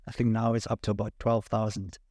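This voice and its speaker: A man in his 40s or 50s with a Southern African accent, from Cape Town and Namibia, chats casually as a podcast guest and tells his own story. A sound engineer, he speaks fairly quickly in a lowish, dark voice with flat delivery. The recording is dry and clean, studio quality.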